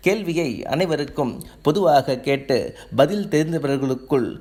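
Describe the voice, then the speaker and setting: Guy reading teacher tips audiobook style, kinda higher voice, slow and steady. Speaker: reader of a teaching guidebook. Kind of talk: measured audiobook reading of advice.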